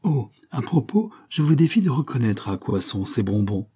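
A man's voice: medium pitch, sing-song, moderate pace, warm tone, breathy edge, pitched above the performer's own voice. A male reader voicing a jovial American man who coaxes and teases. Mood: cheerful.

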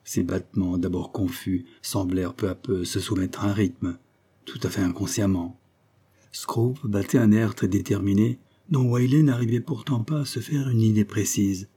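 A man reading a novel aloud at a measured, even pace. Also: on the low side, husky. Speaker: audiobook narrator. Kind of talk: scripted narration.

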